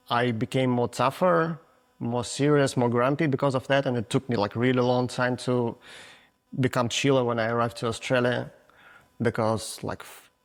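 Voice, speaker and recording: Russian-accented man in his forties. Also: medium pitch. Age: 40s. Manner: frank, halting non-native English with restarts. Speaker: guest photographer. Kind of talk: casual interview answers.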